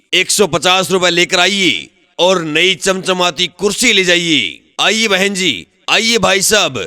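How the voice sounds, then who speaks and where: High, bright, slow hawker's sales call. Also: male voice, dry recording. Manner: sing-song hawker's call with repeated slogans. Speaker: street vendor announcer. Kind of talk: recorded loudspeaker sales pitch.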